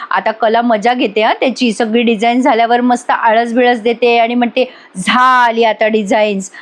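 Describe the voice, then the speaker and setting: A woman giving a chatty voice-over review of a TV serial episode, storytelling and addressing viewers directly. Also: on the high side.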